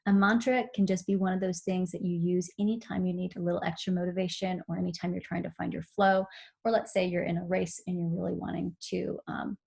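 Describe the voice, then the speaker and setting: A woman giving a recorded seminar on mindful running, explaining calmly with frequent fillers. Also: on the low side, brisk, vocal fry, husky. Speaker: running instructor.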